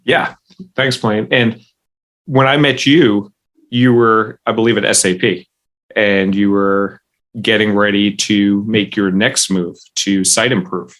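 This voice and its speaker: Male podcast host with a lowish voice. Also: steady tone, a bit bright. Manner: friendly, halting, many restarts. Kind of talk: casual interview conversation.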